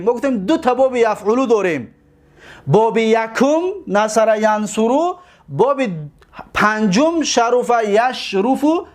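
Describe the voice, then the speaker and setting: A man teaching a grammar lesson, repeating word forms slowly and asking his own questions. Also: high-pitched.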